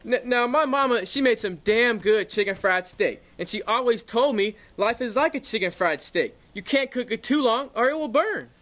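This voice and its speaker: A blustering Texan pundit, played by a man, with a high male voice. He rambles pompously in a folksy way, as a guest in a comic news parody. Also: lively intonation, moderate pace, few pauses, a bit bright. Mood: folksy rambling. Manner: folksy, long-winded, blustering. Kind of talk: scripted news satire sketch.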